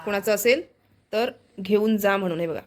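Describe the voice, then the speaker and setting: A woman's voice: medium pitch, moderate pace. Chatty woman narrating her home vlog. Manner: chatty, keeps saying look here, coos at her pet. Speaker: family vlogger. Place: home kitchen.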